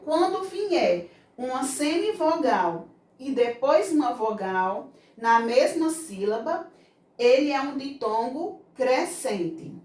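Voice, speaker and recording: A woman teaching a grammar lesson to children with a Brazilian Portuguese accent, explaining slowly and patiently. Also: high voice. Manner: slow, patient explaining, voices children's questions. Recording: echoey room, mic far off.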